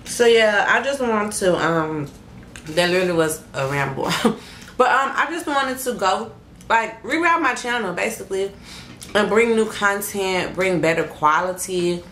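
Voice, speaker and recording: A woman's voice: mid-range voice, lively intonation, unhurried, fairly bright tone, roomy sound, a little hiss or hum. A young woman, a new mom, rambling in a casual mukbang-style vlog to her channel, full of fillers and asides, recorded on a phone or camera. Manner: rambling, filler-heavy talk. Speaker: vlogger. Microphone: phone or camera on a stand.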